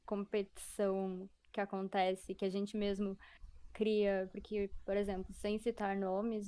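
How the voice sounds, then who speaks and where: Young female student, unhurried questioner, video call audio. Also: mid-range voice, darkish tone. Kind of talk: question in an online talk.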